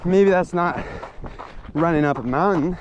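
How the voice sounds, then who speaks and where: An American man chatting casually to his vlog while running on a trail, breathy with effort as he talks. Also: a little high, unhurried, muffled recording. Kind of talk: casual vlog chat, motivational asides. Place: outdoors on a hilly trail. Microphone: action camera carried while running. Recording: clear outdoor noise from action camera. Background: outdoor trail ambience and noise.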